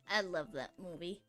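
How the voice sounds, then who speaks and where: A woman's voice: fairly low pitch, a bit bright. A young woman vlogger chatting casually in a rambling, giggly, sleepy way.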